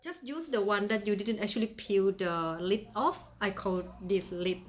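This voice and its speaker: A young Thai vlogger with a Thai accent chats playfully through a casual how-to demonstration, using many fillers. Her voice is mid-range and moderately paced.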